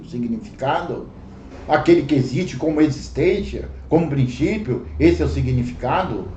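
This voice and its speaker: A Brazilian man teaching a livestreamed Bible study, slow and emphatic, repeating phrases and calling listeners brothers. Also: fairly high pitch, mellow, a little hiss or hum. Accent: Brazilian Portuguese. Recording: echoey room, dull lo-fi sound.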